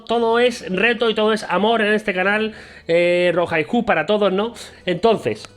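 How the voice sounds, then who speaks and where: A man from Spain with a Spain Spanish accent talks straight to camera in a loose, chatty vlog. His voice sits high for a man, and his tone is playful and self-mocking. Faint guitar music plays behind him. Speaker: vlogger. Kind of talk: casual chat to camera.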